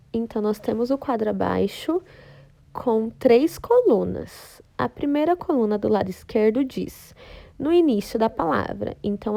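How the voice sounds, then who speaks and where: A woman's voice: a little high, vocal fry, mellow. A woman teaching an online lesson for young children, patiently explaining each task step by step. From Brazil.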